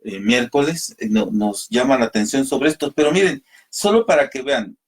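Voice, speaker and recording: A man's voice: medium pitch, moderate pace, slightly rough. A man teaching a radio Bible study, explaining patiently, calling listeners brothers and reading scripture aloud. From Mexico.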